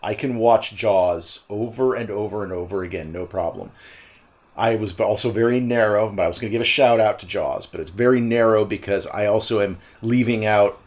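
A man's voice: on the low side, brisk. A man talking casually as a panelist in a film discussion. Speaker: movie podcast panelist.

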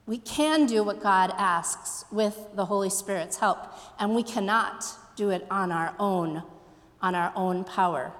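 A woman pastor giving a sermon, slow and reflective, asking her listeners questions. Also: mid-range voice, in a large hall.

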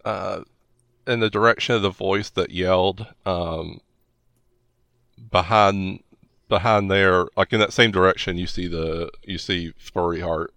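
A man narrating a tabletop game as game master in a halting, improvised way. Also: deep voice, steady tone, creaky, bright, forceful tone, no room sound.

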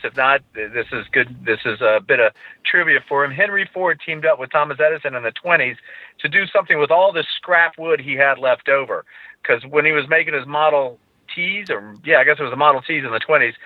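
A man's voice: on the high side, dry recording. A man talking as a podcast guest, explaining at length and often restarting his sentences with repeated words. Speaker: charcoal company representative. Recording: tinny phone-line sound, dry.

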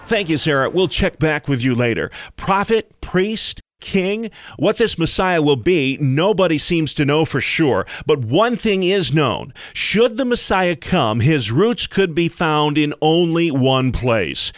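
A man's voice: a little high, big pitch swings, measured pace, dry recording, clean studio sound. A man playing a news anchor in a mock news radio drama.

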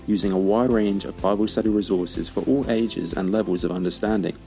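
A man's voice: lowish voice, vocal fry, a little mellow. A man reading a scripted podcast introduction as the announcer. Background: music.

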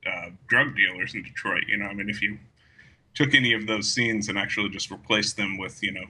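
A man with a fairly low, husky voice that still sounds bright and forceful. He rambles casually through a film discussion, leaning on lots of fillers and laughing often. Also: brisk, rough recording. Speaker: podcast co-host.

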